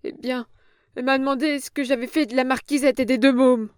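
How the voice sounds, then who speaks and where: A woman voicing a vulgar, frightened old woman who whines in a high, complaining voice. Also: fairly even intonation, a little fast, smooth, dry recording, studio quality, natural voice. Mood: whining, frightened. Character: old vulgar female innkeeper, whining and scared.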